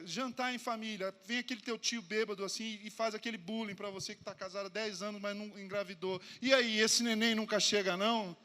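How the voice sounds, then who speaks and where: A man with a Brazilian Portuguese accent, a pastor preaching to his congregation with animated, self-mocking storytelling and acted-out dialogue. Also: sits high. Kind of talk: humorous sermon storytelling. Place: church service before a congregation.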